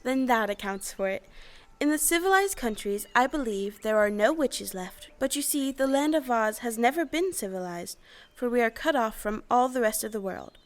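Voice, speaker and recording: Woman playing a high-voiced, kindly old good witch. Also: lively intonation, lightly acted. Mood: explanatory, curious. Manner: deliberate, storybook-formal, solicitous. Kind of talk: stage audio play acting.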